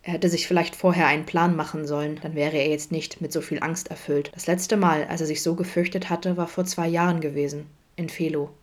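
Female podfic reader, deep for a woman, steady narration. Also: fairly quick, few pauses. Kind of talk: audiobook narration of a fan story.

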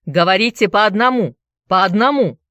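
A woman voicing a burly middle-aged male cobbler who shouts commands over a crowd, in an audiobook reading. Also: medium pitch, a little slow, no echo, dull audio, lightly acted. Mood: shouting.

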